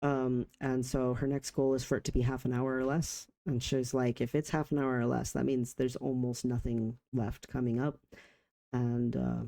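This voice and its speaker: Speaking with lots of fry, this roughly forty-year-old vlogger has a very mellow, dark, mid-range voice and mostly flat intonation. He shares thoughts in brief, pensive bits broken up by pauses.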